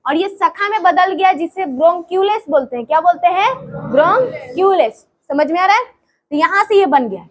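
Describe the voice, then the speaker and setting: High-voiced woman teacher, repetitive classroom quizzing. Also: animated, fairly quick. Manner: repeats terms and quizzes the class. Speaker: drawing teacher. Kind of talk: classroom drawing lesson.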